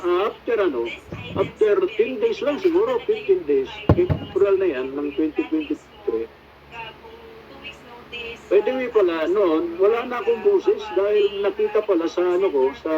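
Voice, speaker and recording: A middle-aged man giving a casual spoken testimony as a patient, rambling and searching for words with many fillers, mixing in English phrases. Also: high-pitched. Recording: dull lo-fi recording.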